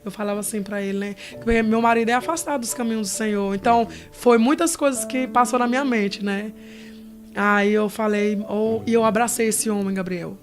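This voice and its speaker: Woman guest, earnest testimony, higher voice, faint music bed. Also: steady tone, a little fast. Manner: earnest, vivid storytelling. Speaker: interview guest. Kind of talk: emotional testimony.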